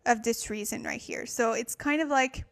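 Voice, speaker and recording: With a fairly high voice touched by vocal fry, a woman speaks English at normal speed while teaching Korean on a casual livestream. Her first language is French, and she thinks aloud, using fillers and correcting herself.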